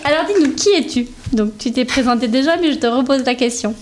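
A woman's voice: high voice, brisk, a little hiss or hum. A woman hosting a radio show in a radio studio, chatting casually with guests and laughing often. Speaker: radio host.

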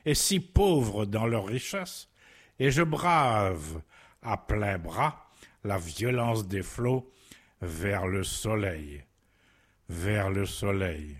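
A man's voice: deep voice, lively intonation, very slow, pauses often, slightly rough, faint music behind. A man from Guadeloupe reciting a poem in an incantatory way, returning again and again to a refrain. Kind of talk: poetry recitation.

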